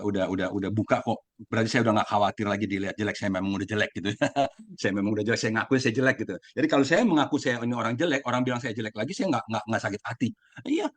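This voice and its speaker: A man sharing a candid, self-deprecating story in a casual Buddhist talk, laughing often. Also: lowish voice. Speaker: sharing participant.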